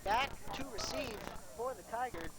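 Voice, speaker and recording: A high-voiced woman gives live football play-by-play in the manner of an excited touchdown call. She works as the game announcer, and clear ambient noise surrounds her voice. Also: moderate pace. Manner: calls rise to excited shouts on big plays. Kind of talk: live sports commentary with excited touchdown calls. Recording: noisy live outdoor game recording.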